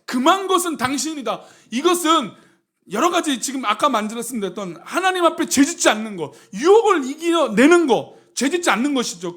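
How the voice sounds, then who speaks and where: A middle-aged male pastor preaching a sermon, reading scripture aloud and asking the congregation questions he then answers himself. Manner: reads scripture aloud after calling out "시작"; shifts between loud emphatic lines and quiet low endings.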